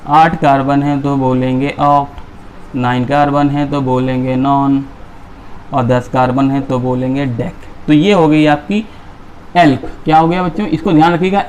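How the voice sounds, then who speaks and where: A man's voice: mid-range voice, a little mellow, a little hiss or hum. A man teaching a chemistry class, who keeps asking his students questions and then answering them himself. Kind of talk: classroom lecture.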